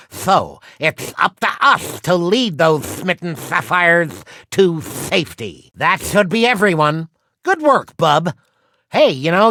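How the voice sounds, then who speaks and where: A man's voice: a little high, sharp tone, no echo, exaggerated voice. A man voicing a vain, cowardly cartoon duck superhero in a video game, with a slushy lisp and a bombastic, wisecracking manner. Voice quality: wet lateral lisp, slushy sibilants.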